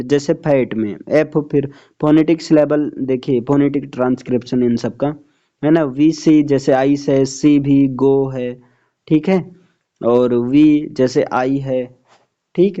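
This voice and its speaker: A man's voice: mid-range voice, warm tone. A man teaching a phonetics lesson, reading English lines and explaining them in Hindi, often checking whether students follow. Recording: dull lo-fi sound.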